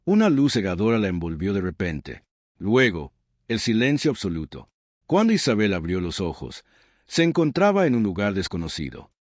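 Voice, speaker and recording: Male narrator, low pitch with lively, swinging intonation, suspenseful scripted storytelling. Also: no echo, clean studio sound.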